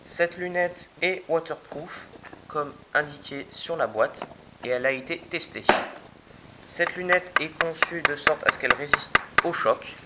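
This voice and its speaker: A man's voice: fairly high pitch, a little slow, heavy background noise. A young man giving a casual product review, hesitant, with many fillers and restarts.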